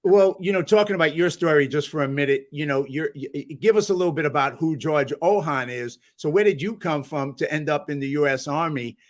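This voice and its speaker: A man's voice: fairly high pitch, fairly quick, few pauses. A man from the Bronx, hosting a podcast and putting questions to his guest in a conversational way. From New York (the Bronx). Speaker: podcast host. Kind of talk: interview questions.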